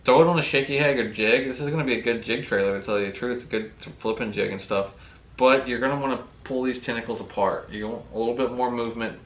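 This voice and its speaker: A man's voice: fairly low pitch, a bit bright, echoey room, muffled recording, a little hiss or hum. A man hosting a fishing channel, casually unboxing tackle and talking with enthusiasm, often saying "really, really.".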